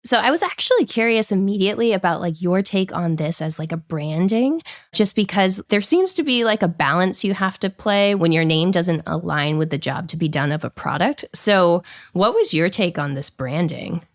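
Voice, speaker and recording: A woman hosting a business podcast, her voice raspy from a cold, chatty and quick to laugh. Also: on the low side, animated, no room sound, studio quality. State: has a cold. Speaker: podcast host. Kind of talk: casual podcast chat.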